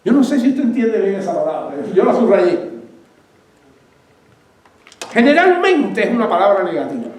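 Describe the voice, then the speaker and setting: A man preaching a sermon as pastor, asking his congregation questions and answering them himself, with lively bursts and laughs. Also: high-pitched, moderate pace, long pauses, roomy sound.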